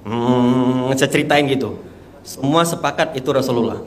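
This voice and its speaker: A man's voice: mid-range voice, moderate pace. A young man, telling an emotional testimony to a live audience and often calling out to his listeners. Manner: emotional storytelling, addresses listeners as Bu and Pak Haji. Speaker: guest giving a testimony.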